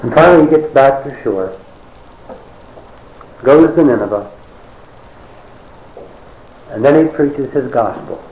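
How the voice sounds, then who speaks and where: A man's voice: mid-range voice, lively intonation, a little mellow, a little hiss or hum. Wry male preacher in echoey room. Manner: wry, conversational storytelling with dramatic pauses. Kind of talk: sermon.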